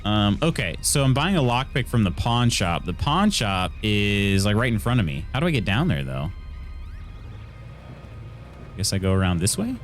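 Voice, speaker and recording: A man's voice: lowish voice, sing-song, moderate pace. Jokey Midwestern American man streaming, music behind. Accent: American Midwest with some Southern. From Indiana, US Midwest. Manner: jokey, rambling, reading viewer comments aloud. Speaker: live game streamer. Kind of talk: casual live gameplay chat.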